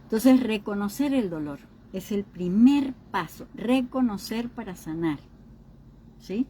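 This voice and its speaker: A woman's voice: mid-range voice, lively intonation, measured pace, dark tone, slight background noise, rough recording. A woman giving an informal teaching talk on emotional healing. She keeps checking in with her listeners through short questions. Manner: acts out other people's remarks in quoted voices.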